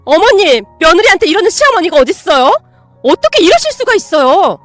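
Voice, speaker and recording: A woman's voice: sing-song, moderate pace, a bit bright, no echo, soft background music. A woman voicing a nosy, tactless young sister-in-law who chatters on and needles. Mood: shrill. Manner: chattering, needling, shrill when upset.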